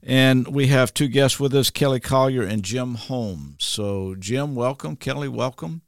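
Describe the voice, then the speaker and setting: Gravelly-voiced podcast host. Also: male voice, mid-range voice, measured pace, dry recording, clean studio sound. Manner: folksy, warm-hearted introductions with many fillers. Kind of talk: casual podcast hosting.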